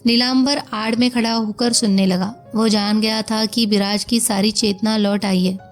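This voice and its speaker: Woman calmly reading a story aloud. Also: mid-range voice, moderate pace, soft background music. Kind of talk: scripted story narration.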